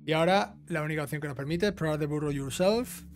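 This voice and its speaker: With game music playing, a man hosting a video game guide talks fast in a voice on the high side. He walks through the gameplay casually, one step at a time, giving instructions and checking in with whoever's listening.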